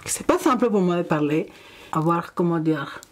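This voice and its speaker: A woman's voice: on the low side, expressive, normal speed. A young woman with a non-native French accent, chatting through a makeup tutorial and speaking fondly to her viewers with gushing exclamations. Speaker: beauty vlogger.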